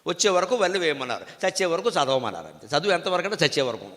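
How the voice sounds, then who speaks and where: Man, devotional discourse, emphatic, rhetorical questions, high voice, long hall reverb. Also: very animated, very fast, a bit bright. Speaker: discourse speaker.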